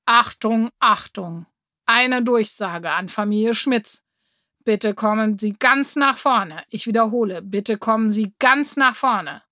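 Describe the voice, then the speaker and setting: A woman voicing a loud, eager young man who calls out to everyone. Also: mid-range voice, expressive, slow pace, long pauses, dry recording, studio quality. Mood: announcing. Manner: calls out loudly, bossy.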